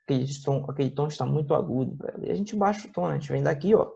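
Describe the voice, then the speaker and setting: A man's voice: on the high side, lively intonation, rapid-fire, creaky, warm tone, slightly rough. A man with a Brazilian Portuguese accent teaching a music lesson, explaining patiently with many tag questions and playing guitar examples. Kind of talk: classroom video lesson. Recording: dull lo-fi recording with faint guitar.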